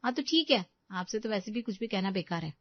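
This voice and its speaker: A woman's voice: mid-range voice, lively intonation, a little fast, no echo. A woman voicing a put-upon young daughter-in-law who grumbles in an exasperated way. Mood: grumbling. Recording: slightly dull, dry close recording.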